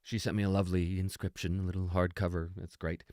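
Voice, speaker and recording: A man's voice: low-pitched, level tone, quick pace, a little mellow, no echo, studio quality. A man hosting a casual talk on tabletop gaming and answering questions in an emphatic, conversational, self-deprecating way. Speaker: host, game designer and game master.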